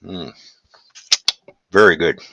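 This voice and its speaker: A man hosting a casual live stream, chatting in a relaxed, rambling way and greeting viewers while he eats. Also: deep voice, slow pace, gravelly, dry recording. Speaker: livestream host.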